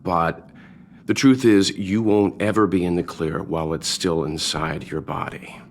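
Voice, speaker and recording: A man voicing a calm, older-sounding game character who speaks in a measured, reassuring way. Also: low-pitched, a little hiss or hum. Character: calm, older-sounding male doctor-like passenger.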